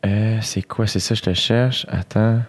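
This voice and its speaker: A man's voice: fairly low pitch, fairly even intonation, measured pace. A man with a Québécois French accent in casual podcast chat, laid-back and curious, with short reactions and casual swearing.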